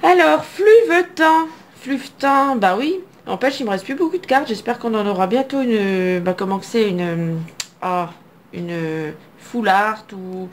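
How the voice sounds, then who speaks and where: Sitting at home, a middle-aged woman from France tears into trading card packs and chatters to herself, speaking each card's name aloud as she muses. Her voice is on the high side, and there's slight background noise behind this casual commentary.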